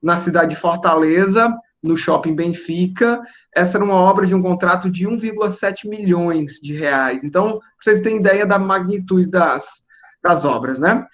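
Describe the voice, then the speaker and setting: Man, high lo-fi voice. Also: normal speed. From Northeast Brazil. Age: young adult. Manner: explanatory, frequent "né?" and "certo?" checks. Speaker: guest engineer speaking to students. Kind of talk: relaxed presentation over video call.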